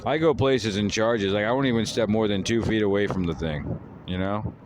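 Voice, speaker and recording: A man's voice: fairly low pitch, moderate pace, background noise. A man giving a rambling, scolding comic rant as a vlogger. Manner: lecturing, scolding, repetitive.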